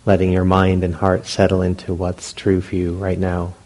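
A male teacher guides a meditation in a low-pitched, monotone voice. He speaks gently and without hurry, in short phrases separated by long pauses.

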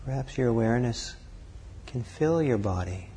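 A man leading a guided meditation, calm and unhurried, speaking in short phrases with long pauses between them. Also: mid-range voice, slight background noise. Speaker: meditation teacher.

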